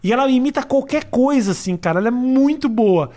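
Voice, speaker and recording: A man's voice: very high voice, animated, a little fast, mellow. A man hosting a casual podcast chat, slangy and emphatic. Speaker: podcast host and comedian.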